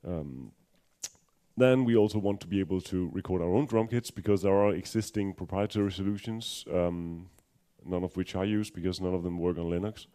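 Technical points come slowly from this Danish conference speaker, who presents in accented English with a deep, dark, relaxed voice. He hesitates a lot, with many ums, pauses, and restarts. His humor is dry and pokes fun at himself.

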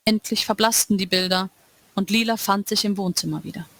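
Author with a bright, dry voice. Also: female voice, medium pitch, brisk, no echo. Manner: casual, with fillers between reading passages. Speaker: author reading her own novel. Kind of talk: reading and chatting with listeners.

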